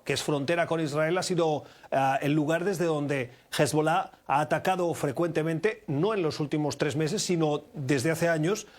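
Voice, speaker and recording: A man working as a news anchor, setting up context and asking formal, structured questions of a guest. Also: fairly high pitch.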